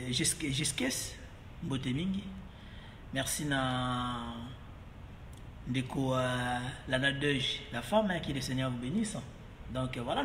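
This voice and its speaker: A man's voice: medium pitch, fairly bright tone, slight background noise. A man from Congo talking casually to his followers, rambling between French and Lingala with many fillers and repeats. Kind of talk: casual monologue to camera. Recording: roomy echo, long reverb, faint ambience.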